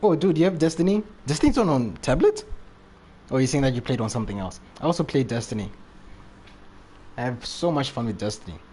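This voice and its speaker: On a game livestream, a man chats casually and jokingly, reacting in loose, slangy phrases and chuckling often. His mid-range voice is very animated, fast, a little mellow and husky, with long pauses, and faint background noise mixes with the game sound.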